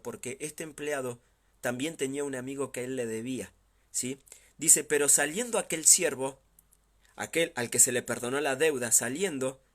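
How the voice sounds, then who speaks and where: A man with an Argentine accent, a pastor giving a Bible study sermon, explaining step by step and often checking in with his listeners, with dramatic swings in loudness as he retells a story. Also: mid-range voice. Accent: Argentine Spanish.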